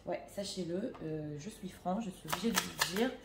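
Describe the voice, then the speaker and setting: Woman doing a tarot reading, lowish gravelly voice, lots of euh and restarts, echoey room. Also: fairly quick, heavy background noise. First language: French. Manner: hesitant, many fillers and restarts. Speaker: tarot reader. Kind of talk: casual tarot reading to viewers.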